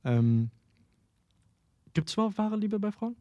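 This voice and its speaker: A man's voice: high voice, sing-song, mellow, dry recording, lo-fi sound. A young man hosting a casual podcast chat, asking questions and cutting in to make his point. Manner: quick, pushes questions, interrupts. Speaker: podcast host.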